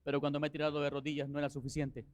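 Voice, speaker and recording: A man preaching a sermon as pastor, telling a story with rising passion and quiet, slow passages. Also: on the high side, completely flat delivery, dull audio. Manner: impassioned preaching, swelling to shouts then dropping soft.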